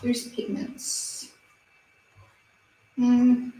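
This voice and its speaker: A beauty channel host in her 20s chats casually on a livestream, giggling as she reads viewer comments aloud. Her fairly high voice is warm but delivered completely flat and very slowly. The mic sounds roomy and a bit distant.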